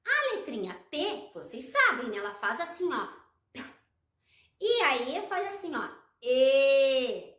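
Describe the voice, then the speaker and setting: A Brazilian woman teaching children letter sounds, slow and encouraging, drawing out each syllable. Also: sits high, huge pitch swings, pushed and bright, echoey room. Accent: Brazilian Portuguese. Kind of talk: children's phonics lesson.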